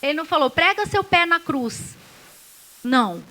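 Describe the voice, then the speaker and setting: Woman pastor, Brazilian Portuguese accent, high voice, conversational sermon, acts out dialogues. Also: animated, moderate pace, pushed and bright, poor audio. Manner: conversational preaching, acting out little dialogues.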